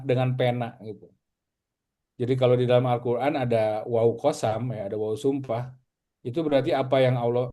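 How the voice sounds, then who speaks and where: A man from Indonesia leads a relaxed Arabic class. His warm, dark-toned voice sits at an ordinary pitch. He drills each word patiently and slowly, so his students can follow. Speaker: Arabic teacher. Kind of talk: casual online lesson.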